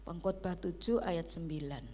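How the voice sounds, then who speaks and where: A woman pastor preaching a sermon in church, switching between loud emphasis and near-whispered asides. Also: on the low side, normal speed.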